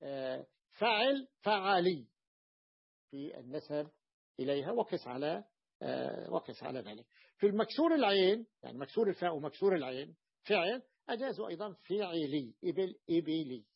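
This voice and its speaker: Gravelly, husky male grammar teacher. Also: a little high, very animated, brisk. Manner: drills word forms with patient repetition. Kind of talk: explaining a grammar lesson. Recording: dull lo-fi recording.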